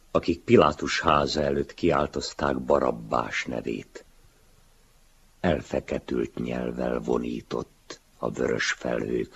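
A man reading a literary story aloud in a measured, solemn way, in a dull lo-fi recording. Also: very deep voice, gravelly, slightly rough. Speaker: reader.

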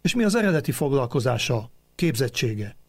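Man voicing a courteous, husky cemetery caretaker. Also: medium pitch, big pitch swings, a little mellow, no echo. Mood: politely formal. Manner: polite, formal questioning.

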